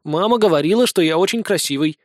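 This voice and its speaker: A man's voice: high-pitched, animated, quick pace, dry recording, studio quality. A man voicing a naive young man who speaks in a plain, matter-of-fact, innocent way in an audiobook. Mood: earnest. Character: naive young man, earnest and literal-minded.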